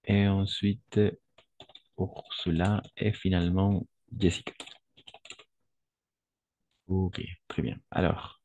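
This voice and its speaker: Deep slow-talking male French teacher. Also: flat delivery, a little mellow, slight background noise. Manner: slow, patient, repeats words for pronunciation drills. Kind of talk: online language lesson.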